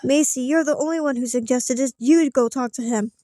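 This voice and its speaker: A woman's voice: high voice, brisk, mellow, no room sound, clean studio sound, soft background music. A woman playing through a story game, reading the dialogue aloud theatrically with casual asides. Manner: theatrical, acting out character lines. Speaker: let's play streamer.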